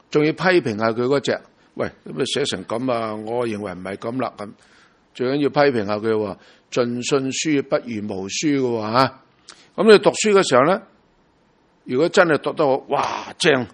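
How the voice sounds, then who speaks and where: A man from Hong Kong preaches a sermon with a Hong Kong Cantonese accent in a mid-range voice. He speaks emphatically, constantly asking the congregation rhetorical questions.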